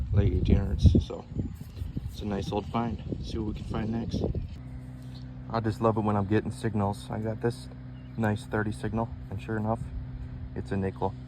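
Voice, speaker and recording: A man with a lowish, creaky voice casually narrates his metal detecting finds for viewers, breaking into wonderstruck exclamations. He's outdoors in a torn-out street, and the recording is noisy with ambient sounds.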